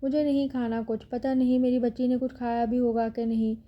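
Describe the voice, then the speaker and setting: A woman's voice: a little high, flat delivery, highs cut off, natural voice. Woman voicing a grieving mother. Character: grieving middle-aged mother.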